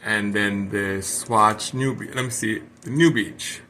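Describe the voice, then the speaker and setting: A man's voice: on the low side, slow pace, pushed and bright, slight background noise. A man casually talking through a hands-on watch strap demonstration, rambling as he works. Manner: rambling, talks while working with his hands.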